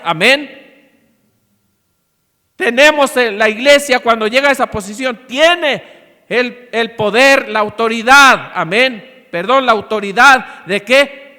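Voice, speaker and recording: A male pastor from Mexico delivers a sermon in a very high, bright, ringing voice. He punctuates his points with frequent amens and acts out short dialogues. His voice carries a long reverb through a church hall.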